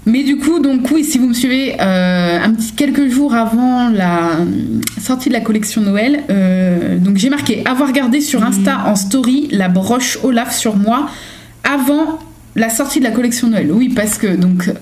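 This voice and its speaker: A woman's voice: fairly high pitch, measured pace, a little mellow. Chatty young woman vlogging from home. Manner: chatty, self-mocking, many fillers and restarts. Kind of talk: casual chat, answering a journal's daily questions.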